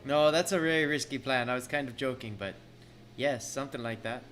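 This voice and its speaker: A man's voice: medium pitch, fairly quick, a bit bright, soft background music. Easygoing man playing a tabletop game. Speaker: player. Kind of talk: casual tabletop play.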